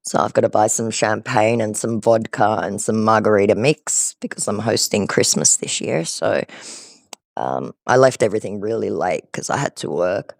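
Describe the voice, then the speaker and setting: A man with a mid-range, slightly mellow voice and noticeable vocal fry chats on a call with a scammer, playing the scambaiter. He explains things in a relaxed, talkative way, captured dry at studio quality.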